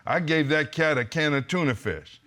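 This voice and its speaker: A man's voice: fairly high pitch, expressive, moderate pace, sharp tone. A man presiding as a TV court judge, asking questions in a folksy, wry and playful way.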